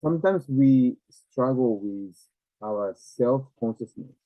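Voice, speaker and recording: Slow-talking Japanese-accented man, tinny echoey line. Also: mid-range voice, animated. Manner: halting, searching for words in non-native English. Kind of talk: reflective conversational explanation. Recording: tinny, narrow phone-like, echoey room.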